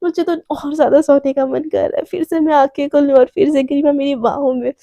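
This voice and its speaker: A woman's voice: high voice, fairly even intonation, brisk, mellow, no room sound, lo-fi sound. A woman voicing a lovestruck young woman, teasing and dreamy, in a told love story.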